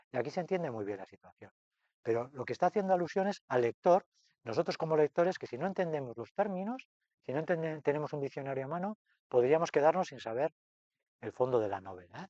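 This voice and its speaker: Animated man teaching a literature class. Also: on the high side, no room sound, lo-fi sound. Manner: animated, acts out quoted lines with raised voice. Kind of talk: lively classroom lecture.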